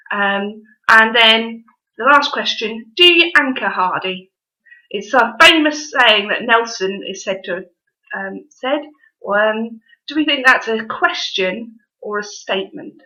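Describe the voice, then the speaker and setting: A woman's voice: on the high side, bright, forceful tone. A woman with a Norfolk accent gives an informal, teacherly presentation with quiz questions, explaining as she goes. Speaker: dialect society presenter and quiz host. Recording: dull, lo-fi audio.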